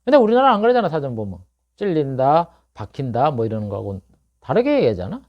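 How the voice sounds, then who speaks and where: Preaching an expository sermon, the middle-aged pastor keeps a conversational tone and leans on rhetorical questions, dropping to murmurs before erupting emphatically. His pitch swings enormously, he talks quickly, and the recording sounds muffled.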